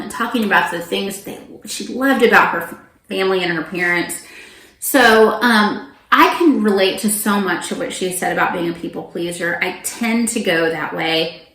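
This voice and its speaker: This middle-aged woman's voice is fairly low, bright, and forceful, recorded with poor audio in an echoey room. She's a book vlogger giving a chatty, animated monologue to camera, often breaking off into informal asides.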